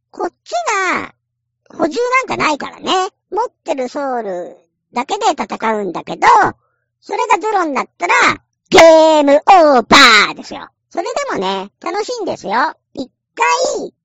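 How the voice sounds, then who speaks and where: Female host, casual game chat, playful, highly expressive pitch swings, crackly edges, slightly dull close recording. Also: creaky, no room sound. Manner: chatty, playful, acts out short quotes.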